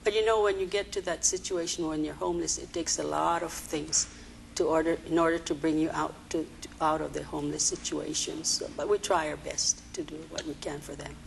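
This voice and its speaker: A woman, an agency director answering TV interview questions in a halting way with many fillers. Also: low-pitched, fairly even intonation, gravelly, slight background noise, rough recording. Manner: hesitant, many fillers and restarts. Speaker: executive director of a social services agency, interview guest. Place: TV studio.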